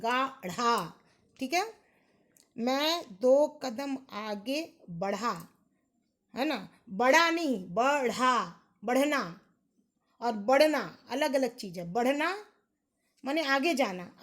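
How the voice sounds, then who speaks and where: A woman teacher with an Indian accent gives an online lesson to young pupils, patiently repeating words and contrasting their sounds. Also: a little high. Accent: Indian English. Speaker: school teacher.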